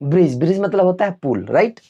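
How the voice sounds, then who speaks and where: A man teaching a video lesson in a chatty, relaxed way. He often asks his students a question and then answers it himself. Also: high voice, a little fast, husky, highs cut off. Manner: homely everyday comparisons, relaxed teacherly tone. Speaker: English teacher. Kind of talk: classroom-style video lesson.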